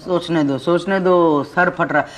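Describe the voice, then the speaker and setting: A man's voice: steady tone, unhurried, close to an everyday voice. A man playing a sly, greedy office clerk who bargains for bribes in a comedy sketch. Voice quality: wheedling, bargaining tone. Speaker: corrupt electricity clerk Patel. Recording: very noisy low-budget sketch audio.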